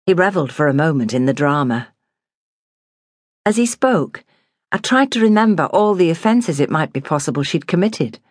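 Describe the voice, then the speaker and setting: A woman's voice: low-pitched, animated, dry recording. Woman reading a memoir, dry sound. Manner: measured, plain storytelling. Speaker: memoir narrator. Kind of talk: audiobook memoir narration.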